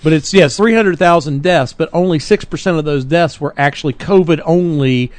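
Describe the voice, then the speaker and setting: A political podcast co-host with a voice on the high side speaks at normal speed, earnest and emphatic, regularly revising his sentences as he goes. The audio is dry, and the conversation resembles talk radio.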